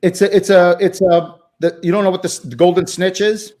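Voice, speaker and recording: A man chatting on a casual livestream, enthusiastic and halting, often restarting his sentences. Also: high-pitched, steady tone, a little mellow.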